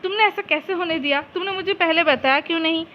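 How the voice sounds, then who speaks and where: A woman reading a fan story aloud and voicing a dramatic, possessive young woman, in a high voice. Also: quick pace, lo-fi sound, slight background noise. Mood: frantic. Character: lovestruck scheming young woman Yun.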